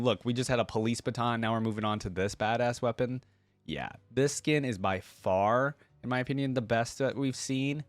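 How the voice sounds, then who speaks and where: A YouTube reaction host with a lowish voice and no echo offers casual, off-the-cuff commentary. He's informal and opinionated, thinking out loud as he reacts.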